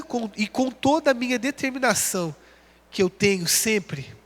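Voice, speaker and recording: A high-pitched man with a Brazilian Portuguese accent preaches a sermon, his voice climbing with emphasis as he sets up each contrast. He reads scripture references between his points. His voice rings out with the long reverb of a large church hall. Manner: rising emphatic call-and-response preaching, reading scripture references. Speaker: pastor.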